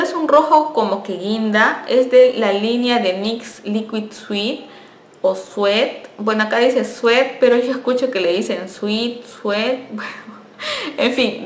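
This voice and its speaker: A woman's voice: a little high, measured pace. Chatty young woman, echoey room. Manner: friendly, chatty, self-correcting. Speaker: beauty vlogger. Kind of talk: casual product review.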